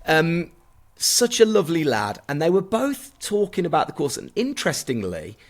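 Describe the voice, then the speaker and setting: A man's voice: on the high side, wildly swooping pitch, normal speed. A man co-hosting a podcast, chatting and telling stories from the Winter Olympics. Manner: chatty, storytelling. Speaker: podcast co-host. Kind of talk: casual chat.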